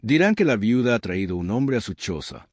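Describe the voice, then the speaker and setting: A stern widow of the tribe, proud and commanding, voiced by a male narrator. She speaks slowly and gravely, each word weighed like a verdict. The storybook reading is dry and close, with a lively rise and fall. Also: on the low side, no room sound. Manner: slow, grave, measured.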